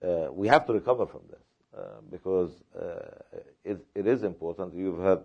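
A Palestinian man fields questions at a panel discussion, answering in a measured, halting manner full of fillers and repeated words. His voice is low-pitched with a breathy edge, and the audio sounds dull.

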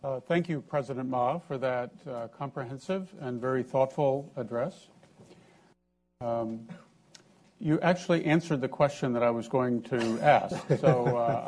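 A man moderating a public forum, polite and courteous, with gentle fillers as he poses a question. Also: medium pitch.

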